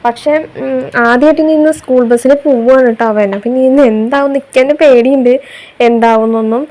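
A woman's voice: fairly high pitch, fairly even intonation, fairly quick. A young mother from Kerala, narrating her daily chores in a chatty voice-over. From Kerala, India. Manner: chatty, tags sentences with a soft "you know". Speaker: vlogger mother. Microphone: voice-over recorded separately.

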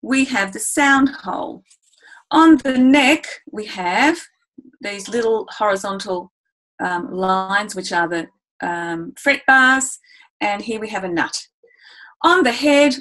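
A woman's voice: medium pitch, expressive, takes it slowly, a bit bright, poor audio. A woman teaching a ukulele webinar, chatty and enthusiastic, showing the instrument as she explains. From Australia. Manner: enthusiastic, chatty, addresses listeners as "guys"; demonstrates on the ukulele while talking. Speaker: music educator.

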